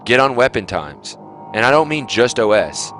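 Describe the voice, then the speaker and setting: Blunt swearing young team captain. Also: male voice, mid-range voice, sing-song, normal speed, a bit bright, soft background music. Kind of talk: team pep talk.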